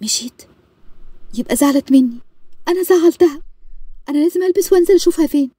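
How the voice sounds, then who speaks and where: Lady putting on a jittery egyptian teen girl, voice jumps way up, fast and breathy. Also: a bit bright, no echo, far from the mic. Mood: panicked. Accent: Egyptian Arabic. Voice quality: breathless, rising to high pitch. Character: anxious teenage girl, eager to please.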